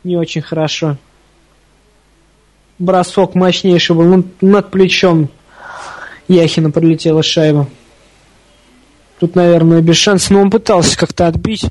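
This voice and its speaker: A man's voice: high voice, steady tone, a little slow, long pauses, darkish tone, no echo, low-quality recording. A man giving informal live hockey play-by-play as an openly partisan, chatty fan of one side. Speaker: hockey commentator.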